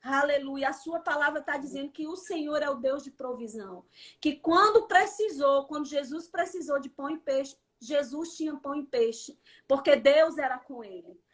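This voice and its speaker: A woman's voice: high voice, normal speed. A woman preaching fervently in a prayer livestream, calling her listeners "dear". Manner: fervent, addresses listeners as "querido".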